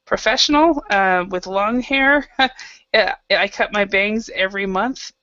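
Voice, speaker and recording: A woman's voice: medium pitch, measured pace, bright, forceful tone, dry recording, muffled recording. A woman from Idaho teaching an online English class, patient and encouraging, with many fillers. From Idaho, United States.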